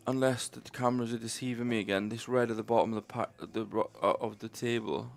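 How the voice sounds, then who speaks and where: A man's voice: mid-range voice, steady tone, fast, gravelly, soft background music. A man with a Yorkshire accent co-commentating on pool, casual and blunt about which shot to play. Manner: casual, blunt advice on shots.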